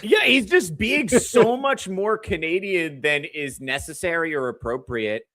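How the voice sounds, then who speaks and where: A man's voice: a little high, expressive, unhurried, a bit bright, no echo. A man hosting a comedy podcast, ranting animatedly about clips and swearing freely. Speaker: podcast host.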